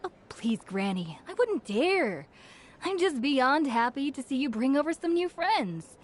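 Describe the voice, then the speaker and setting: A woman's voice: high-pitched, big pitch swings, measured pace. A woman playing a cheeky, genial young tavern keeper in a video game, chatty and polite. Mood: teasing, cheerful. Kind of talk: animated video game acting. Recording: music behind the voice.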